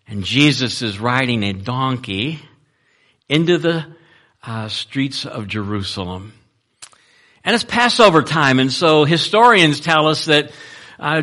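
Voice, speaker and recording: A male pastor preaching a sermon, telling the story in an animated way and repeating words as he restarts. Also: fairly high pitch. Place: church.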